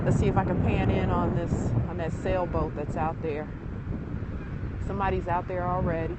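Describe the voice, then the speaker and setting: A woman's voice: mid-range voice, dull audio. A woman real estate agent chatting casually on a live-stream walk along a lakefront, rambling with fillers and a little out of breath. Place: outdoors by a city lakefront. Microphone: phone held while walking. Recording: outdoor phone recording with traffic noise.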